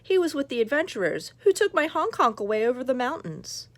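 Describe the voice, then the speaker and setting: A woman's voice: sits high, sing-song, brisk, fairly bright tone, pitched above the performer's own voice. A woman voicing a male hill troll who warns his goblin neighbor, read in a storybook. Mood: worried.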